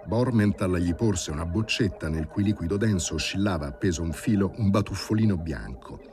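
A man reading a novel aloud in a measured, vivid storytelling manner. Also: low-pitched. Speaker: audiobook reader. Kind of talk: dramatic literary reading.

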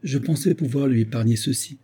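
A man's voice: mid-range voice, a little fast, warm tone, husky, voice pushed up, natural voice. A man reading an audiobook and voicing a desperate, remorseful woman who pleads and wails. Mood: grave. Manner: wailing, pleading outbursts.

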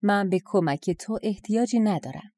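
A woman's voice: medium pitch, dark tone, no room sound, studio quality, close to an everyday voice. A woman voicing a headstrong, proud young bride in a storybook folktale, speaking in a brash, dismissive way. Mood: haughty, defiant.

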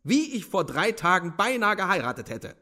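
A man's voice: high-pitched, big pitch swings, moderate pace, pushed and bright, voice pushed up, full character voice. A man playing an arrogant, condescending young officer in a radio play, speaking in a haughty, declamatory way. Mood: commanding.

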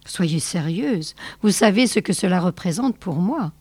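A woman voicing a tall, fussy man whose voice is hoarse with emotion and pitched high. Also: expressive, measured pace, darkish tone, no echo. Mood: pleading. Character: tall man, delighted, fussy about his own funeral.

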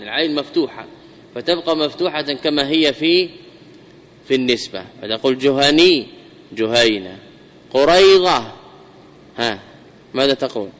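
A man giving a classroom grammar lesson, repeating examples slowly and putting questions to his students. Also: mid-range voice, fairly bright tone. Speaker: teacher explaining grammar. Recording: long reverb hall.

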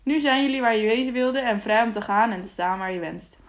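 Brief: woman voicing a kindly trader in a storybook, relaxed and cheerful. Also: fairly high pitch, a little fast, natural voice. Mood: friendly. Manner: friendly, easygoing. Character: hearty older male merchant, friendly. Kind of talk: audiobook character reading.

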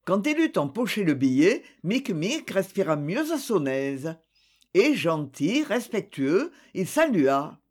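A narrator reading a novel aloud in a measured, expressive way. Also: mid-range voice. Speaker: audiobook narrator. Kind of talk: scripted literary narration.

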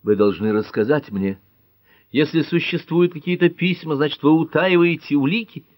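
A man reading an audiobook, voicing a hot-tempered young prosecutor who speaks fiercely and hoarsely. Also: fairly high pitch, moderate pace, no room sound, dull audio, pitched above the performer's own voice, close to an everyday voice.

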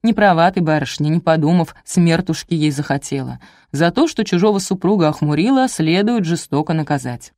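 A woman's voice: sits low, expressive, a little fast, darkish tone, no room sound, studio quality. A woman voicing a sly old male village sorcerer who swindles people, with a sing-song, falsely sweet folksy patter.

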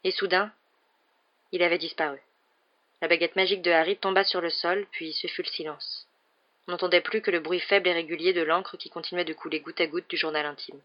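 A woman narrating an audiobook in a measured, even reading voice. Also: lowish voice, highs cut off. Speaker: audiobook reader.

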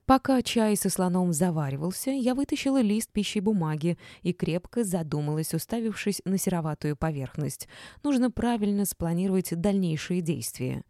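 Warm low-voiced woman narrating wryly. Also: animated, normal speed, no echo, clean studio sound. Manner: wry, ironic. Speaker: audiobook narrator. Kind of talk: first-person audiobook narration.

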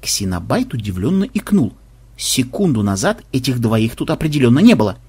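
Animated male audiobook narrator. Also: mid-range voice, brisk, slightly rough. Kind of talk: audiobook reading.

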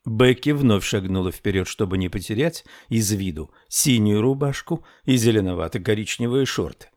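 A man narrating a thriller audiobook in a slow, measured storytelling manner. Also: fairly low pitch, expressive, darkish tone, dry recording, studio quality.

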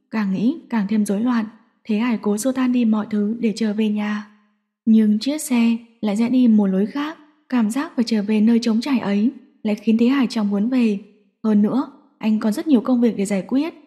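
A woman's voice: a little high, dark tone. Woman narrating a dramatic audio story.

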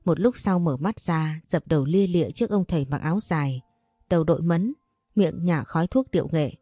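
A woman reading a story aloud in a calm, even scripted narration. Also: low voice, a little fast, no room sound, soft background music.

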